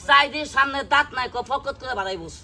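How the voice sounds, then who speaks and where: A man's voice: very high-pitched, animated, quick pace, creaky, pushed and bright. A man from Bangladesh, working a street magic show with rhyming chants and teasing crowd banter.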